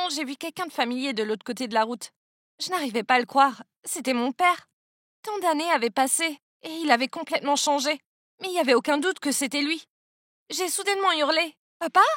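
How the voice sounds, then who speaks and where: High, bright young woman narrating a story. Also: no echo, studio quality. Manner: dramatic, exclamatory. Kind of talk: scripted first-person story narration.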